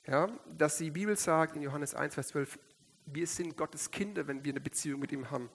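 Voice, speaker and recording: A man's voice: a little high, gravelly, slight background noise. A man giving an earnest devotional sermon, speaking straight to his listeners and citing Bible verses. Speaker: preacher. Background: instrumental music.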